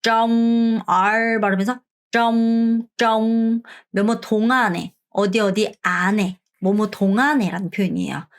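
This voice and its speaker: A middle-aged woman from Korea teaches an online language lesson in a voice of ordinary pitch. She explains each point in friendly classroom talk, then slows right down and repeats the words with care so learners can copy them. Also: steady tone.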